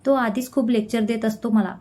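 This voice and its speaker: A woman's voice: on the high side, fairly even intonation, fairly quick, warm tone. A woman doing a chatty, fussing best friend.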